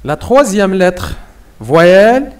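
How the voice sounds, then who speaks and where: A man with a Moroccan accent teaching French letters, repeating each word slowly and spelling it out syllable by syllable. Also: high voice, big pitch swings, darkish tone. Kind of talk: slow classroom lesson.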